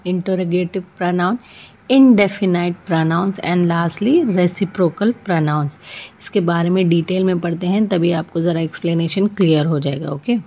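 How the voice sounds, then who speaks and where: A woman teacher giving a grammar lesson, reading English examples slowly and explaining them in a mix of Hindi and English. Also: on the low side, a little mellow. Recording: dull lo-fi sound.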